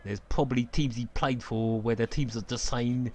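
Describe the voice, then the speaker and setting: A man's voice: mid-range voice, fairly even intonation, normal speed, warm tone. A man giving casual live football commentary from an outdoor stadium on a cold evening, chatty and opinionated and laughing at his own jokes.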